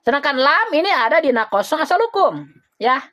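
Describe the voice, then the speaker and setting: Give me a woman leading a relaxed Quran reading lesson. Her voice sits a bit high, and she patiently drills each letter sound, repeating it slowly. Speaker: Quran recitation teacher.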